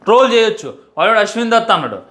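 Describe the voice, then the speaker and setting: A young man delivers a heartfelt fan monologue, stacking up repeated phrases and pleading with the audience. His voice sits a little higher than most men's. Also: big pitch swings, fast, fairly bright tone. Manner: emphatic, repetitive, pleading. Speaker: fan commentator.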